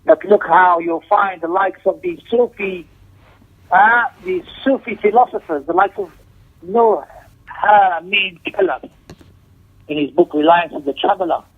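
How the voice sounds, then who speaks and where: A high-pitched male voice, a little slow and breathy at the edges, leads an emphatic religious lesson. He explains a text with Arabic recitation and quotations, repeating phrases for stress, and the recording is tinny and narrow like a phone.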